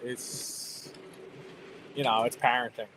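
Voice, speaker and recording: A man in his thirties hosting a casual chat, telling parenting stories in an animated way. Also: mid-range voice, slow, a little hiss or hum. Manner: animated storytelling with laughs. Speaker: host.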